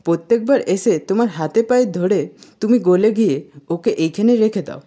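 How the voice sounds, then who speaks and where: A woman's voice: medium pitch, lively intonation, normal speed, warm tone, natural voice. A woman reading as an exasperated young husband.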